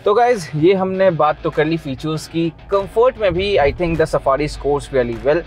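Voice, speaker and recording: A man's voice: a little high, animated, very fast, darkish tone, soft background music. An Indian man in his thirties chatting informally and giving his opinions as host of a car comparison. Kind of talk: casual car comparison chat, mixing Hindi and English.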